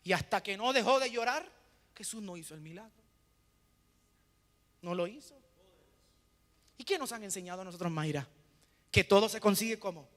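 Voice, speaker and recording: A male pastor preaching a sermon, asking rhetorical questions and pausing for the congregation to fill in the answer. He swings between hushed lines and loud, emphatic bursts. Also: sits high, lively intonation, long reverb tail. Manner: preaching with rhetorical questions and call-and-response pauses.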